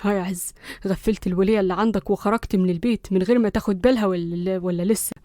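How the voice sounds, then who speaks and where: A woman voicing a sneaky young grandson with an Egyptian accent, talking low and sly. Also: rapid-fire, dry recording, clean studio sound, lightly acted. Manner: hushed, sly.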